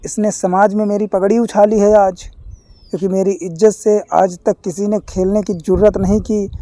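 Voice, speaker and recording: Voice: medium pitch, dark tone, lightly acted. A narrator voicing an arrogant, cruel wealthy male landowner who scolds in a haughty way.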